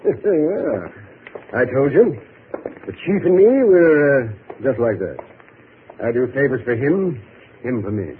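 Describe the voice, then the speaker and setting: An actor playing a smug, ingratiating lawyer, oily and chummy, in an old radio drama. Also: male voice, mid-range voice, animated, slow, long pauses. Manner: oily, chummy, self-satisfied. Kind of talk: 1940s-50s radio drama acting. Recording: tinny, faintly noisy old radio recording.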